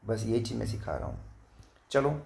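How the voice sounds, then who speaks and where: Gravelly male math teacher. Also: on the low side, very animated, darkish tone. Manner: patient, repeats points and asks if it is understood; reads digits slowly one by one. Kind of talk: classroom lesson to children.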